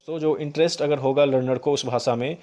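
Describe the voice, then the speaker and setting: Guy teaching exam prep, reads the english slow then explains it, lots of fillers and restarts. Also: medium pitch, fairly even intonation, mellow. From India. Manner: explains each English line slowly in Hindi; many fillers, repeats words.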